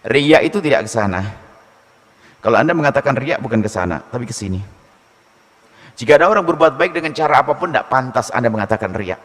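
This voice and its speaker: A man preaching a sermon in a lively, teasing manner, acting out husbands and wives in his answer. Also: mid-range voice, fast, pauses often, in a large hall.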